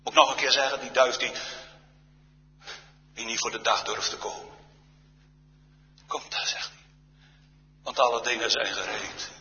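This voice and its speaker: A man's voice: mid-range voice, moderate pace, long pauses, pushed and bright. A man preaching a solemn church sermon, often sinking to a near-whisper. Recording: reverberant church hall, dull sound.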